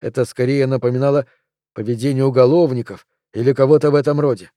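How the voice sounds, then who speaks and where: A man reading a novel aloud in measured, even narration. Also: mid-range voice, dry recording, studio quality. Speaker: audiobook reader. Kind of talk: scripted narration.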